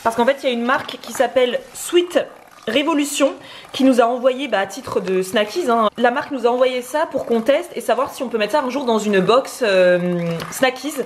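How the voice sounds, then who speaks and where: A slightly high-voiced young woman speaks at a moderate pace, with a touch of background noise. Cooking breakfast in her own kitchen, this vlogger co-host chats to camera in a lively way and explains each step.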